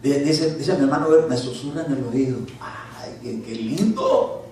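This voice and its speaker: Echoey preaching man, loud then soft. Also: medium pitch, expressive, unhurried, slight background noise. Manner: conversational preaching, swings from loud commands to soft asides. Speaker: pastor. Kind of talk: sermon. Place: church. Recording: very echoey church hall from a distance.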